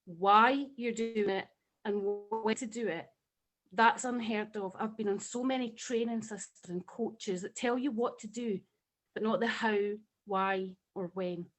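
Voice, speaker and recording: A woman with a Scottish accent shares a personal testimonial on a video call as a webinar participant, speaking with passion and emotion. Her voice sits in the mid range and moves at a measured pace, though the audio quality is poor.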